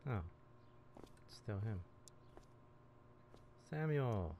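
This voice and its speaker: A man's voice: on the low side, lively intonation, very slow, warm tone. A man giving casual, offhand let's play commentary, half muttering to himself as he goes. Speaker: gaming video host. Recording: clear background game noise.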